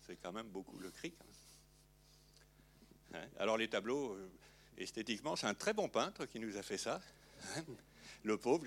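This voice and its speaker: A man with a lowish voice, talking about his film in an interview. He rambles on in loose, unhurried sentences, circling back and filling the gaps with small tag words. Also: a bit bright, slight background noise. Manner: rambling, filler-heavy, frequent "hein". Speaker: film director. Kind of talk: interview conversation.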